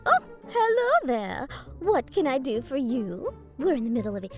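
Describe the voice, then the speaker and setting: A fussy woman running a busy theater rehearsal, flustered and short on time, acted by a woman. Her voice is high and leaps wildly up and down. She is a children's audio drama character. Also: very animated, music in the background. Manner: flustered, hurried.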